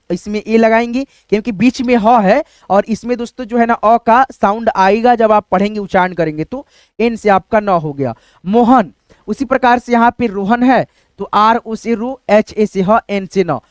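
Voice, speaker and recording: High-voiced man teaching. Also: dry recording. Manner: steady explaining, repeats "dosto" constantly. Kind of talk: screen-recorded spelling lesson.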